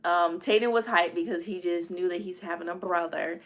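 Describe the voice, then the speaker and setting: A woman in her thirties chatting casually to viewers on a live stream, animated and acting out her family's lines. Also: on the low side, normal speed, slight background noise. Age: 30s. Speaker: vlogger.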